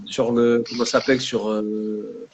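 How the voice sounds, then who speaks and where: A man's voice: lowish voice, flat delivery, unhurried, vocal fry, lo-fi sound, a little hiss or hum. A young man with a French Maghrebi urban accent talks casually in a discussion, mixing street slang with Arabic religious terms. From France, of Maghrebi family. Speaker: guest, book author.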